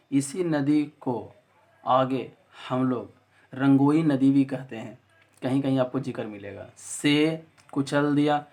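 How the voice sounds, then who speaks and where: A man teaching an exam-prep lesson, telling a memory story and drilling each syllable slowly. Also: mid-range voice.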